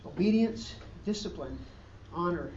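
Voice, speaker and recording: A man's voice: sits high, lively intonation, unhurried, darkish tone, muffled recording, slight background noise. A man preaching a sermon as pastor, in an earnest way, with emphatic rising questions, recorded from a distance in a church hall.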